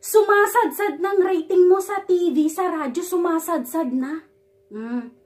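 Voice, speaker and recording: High-pitched woman ranting sarcastically. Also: a little slow, darkish tone. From Philippines. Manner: scolding, sarcastic, mocking. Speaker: vlogger reacting to news. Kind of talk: ranting reaction vlog.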